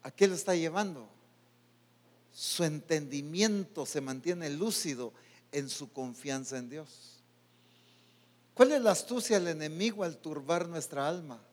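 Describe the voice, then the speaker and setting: A man preaching a sermon, swinging from loud, rising peaks to quiet, low drops and talking to his own soul in asides. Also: animated, a little slow, long pauses. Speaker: pastor. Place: church hall. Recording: long church reverb.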